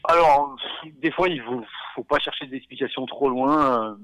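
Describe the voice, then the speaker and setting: A man in his forties from Savoie, talking casually as a podcast guest, relaxed and hesitant, with many fillers and little chuckles. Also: mid-range voice, normal speed, poor audio. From Savoie, France. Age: 40s. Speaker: guest, beer company founder.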